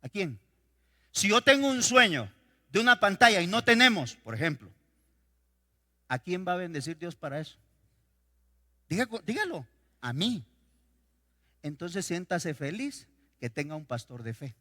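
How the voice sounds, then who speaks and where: A male pastor preaching a sermon, swinging between loud declarations and quiet storytelling. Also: high-pitched, big pitch swings, measured pace, pauses often. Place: church sanctuary. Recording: reverberant church hall.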